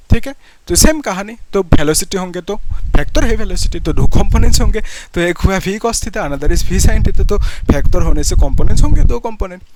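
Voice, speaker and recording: A man's voice: high voice, noisy background. A young man teaching a physics lesson step by step, often putting questions to students and checking they follow. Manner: explains step by step, keeps asking students questions and checking with "ठीक है".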